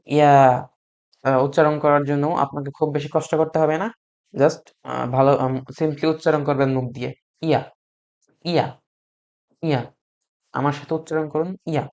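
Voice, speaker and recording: A man teaching beginners to read Arabic letters, patient and repeating each sound slowly for learners to copy, with frequent hesitant fillers. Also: on the high side, flat delivery, a little mellow, muffled recording. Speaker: Quran reading teacher.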